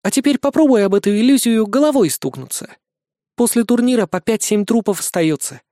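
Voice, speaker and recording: A man's voice: sits high, lively intonation, a little fast, dark tone, dry recording, studio quality, voice pushed up. Man voicing a stern, caustic young woman. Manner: curt, caustic.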